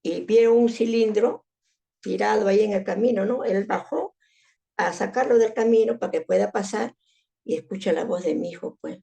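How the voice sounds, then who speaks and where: A woman's voice: mid-range voice, normal speed, vocal fry, dark tone. A middle-aged woman, telling a personal story as an interviewee and often ending phrases with a questioning tag. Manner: emotional recounting, frequent "¿no?" tag.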